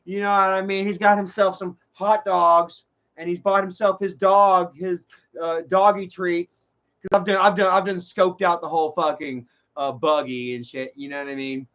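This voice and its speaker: A man talks loosely to viewers on a live stream, cursing freely and circling back over his own sentences. His voice sits a little high for a man. The audio is dull and lo-fi. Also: flat delivery, moderate pace, fairly bright tone. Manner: rambling, profane, restarts sentences. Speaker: livestream host. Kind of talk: rambling live-stream chat.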